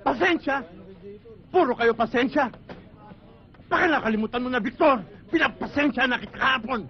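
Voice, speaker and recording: A shrill, bossy older man who scolds everyone, dull film sound. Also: normal speed. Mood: stern. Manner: loud, scolding, often shouting. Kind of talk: comedic film acting.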